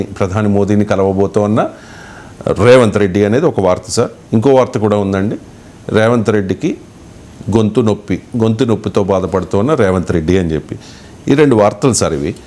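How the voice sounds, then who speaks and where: Deferential low-voiced male interviewer. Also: a little fast, a little mellow. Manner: hesitant, self-correcting, deferential.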